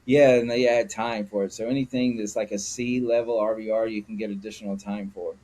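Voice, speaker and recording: A man's voice: on the low side, fairly even intonation, brisk, a little mellow. A middle-aged man from Mississippi, a guest telling his story candidly and reflectively in an interview, with frequent fillers. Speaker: guest, sober living founder. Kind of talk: personal interview.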